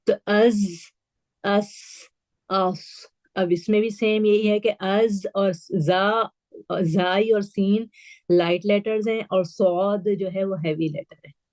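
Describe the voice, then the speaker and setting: A woman teaching Quran recitation, patiently explaining letter sounds and repeating each one slowly for her pupils, with English words mixed into her Urdu. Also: mid-range voice, fairly even intonation, dark tone. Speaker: tajweed teacher. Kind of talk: online class instruction.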